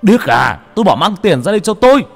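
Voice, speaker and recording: A man voicing a furious middle-aged father who shouts and barks orders in a story read aloud. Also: high voice, sing-song, fast talker, vocal fry, in a large hall, faint music behind, pitched above the performer's own voice, full character voice.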